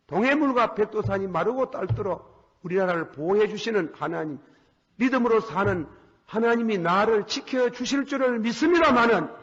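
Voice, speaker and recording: An older man with a Gyeongsang accent preaching a folksy sermon. He is blunt and animated, swinging from soft murmurs to loud outbursts and laughing at his own stories. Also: high voice, slightly rough. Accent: Gyeongsang Korean. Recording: dull lo-fi sermon tape with long hall reverb.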